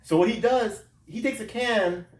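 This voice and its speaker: A man's voice: high voice, moderate pace, slight background noise. A man telling a casual funny story about his workday, chuckling as he goes. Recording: roomy sound, voice far from mic.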